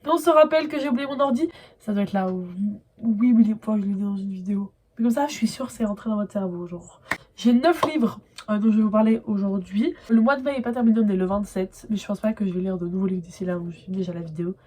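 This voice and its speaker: A young woman chatting casually through a book review vlog, animated, with lots of filler words and bursts of excitement. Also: mid-range voice, fast talker, a little hiss or hum. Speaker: booktuber reviewing her reads.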